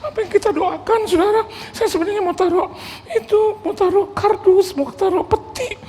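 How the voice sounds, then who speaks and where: A man's voice: medium pitch, sing-song, normal speed, darkish tone. A man voicing a humble young male pastor who pleads and thanks over and over, in a church story. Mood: tearful joyful. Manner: pleading, repeating "Om" often. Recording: reverberant church hall, faint noise.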